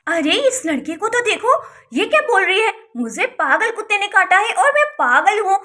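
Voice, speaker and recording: Casting note: a woman playing a shrill, indignant aunt for a doll storybook, bright high voice. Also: animated, normal speed, full character voice. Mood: shocked. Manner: shrill, complaining.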